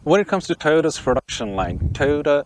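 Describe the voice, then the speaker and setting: A man from Bangladesh hosts a casual car review vlog outdoors by a vehicle, chatty, joking and opinionated. His voice is on the high side, sing-song and a little fast. Faint wind and outdoor noise surround him.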